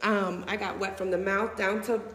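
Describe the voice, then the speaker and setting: A woman's voice: mid-range voice, level tone, moderate pace. A woman with a New Jersey accent, co-hosting a podcast in a playful, brash casual chat and laughing often. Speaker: podcast co-host. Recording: echoey room with loud noise.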